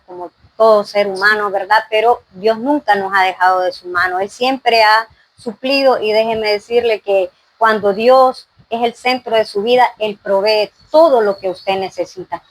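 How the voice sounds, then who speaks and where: A woman's voice: mid-range voice, fairly even intonation, moderate pace, dry recording, low-quality recording. A woman giving an earnest faith testimony in an interview, full of fillers and "¿verdad?".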